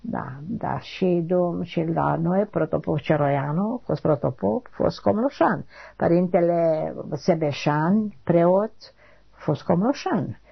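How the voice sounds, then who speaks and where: Gravelly-voiced woman in her eighties. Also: fairly low pitch, animated. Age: 80s. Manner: halting, repeats short affirmations, trails off quietly. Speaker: interviewee. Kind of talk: oral history interview. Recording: dull lo-fi recording.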